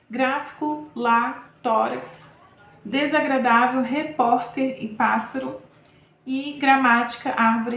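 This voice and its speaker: A woman's voice: fairly high pitch, echoey room. A woman Portuguese teacher patiently working through grammar exercises, checking in often with short tag questions.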